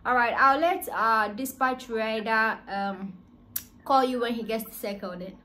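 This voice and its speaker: A prank-calling vlogger in her twenties, speaking with a Ghanaian accent, pretends to be a delivery service. Sitting in a small indoor living room at arm's length from a phone mic, she is polite but insistent like a customer-service agent. Her fairly high voice moves at a measured pace and sounds pushed and bright.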